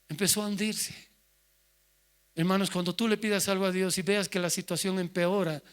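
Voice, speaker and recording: Male pastor preaching, goes quiet then suddenly loud, acts out the people he quotes. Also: sits high. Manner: swings from soft asides to loud shouted quotes. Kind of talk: sermon.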